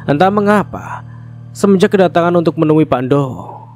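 A man narrating a spoken horror story in a steady, measured storytelling voice. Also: a little high, faint music behind.

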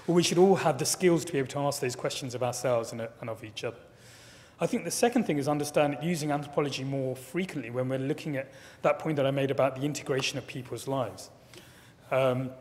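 A middle-aged man, a keynote speaker, answering audience questions thoughtfully at a lectern, often repeating words as he builds a point. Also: medium pitch. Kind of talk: conference Q&A answers. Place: large conference hall, at a lectern. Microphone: lectern microphone. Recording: long reverb of a hall.

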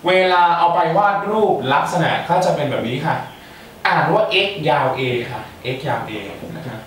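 A man's voice: on the high side, a bit bright. Young male student tutor, playful and talkative; distant mic in a roomy space. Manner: playful, chatty, joking asides to students. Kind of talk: exam-prep math lecture. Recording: echoey room, mic far off, faint hiss.

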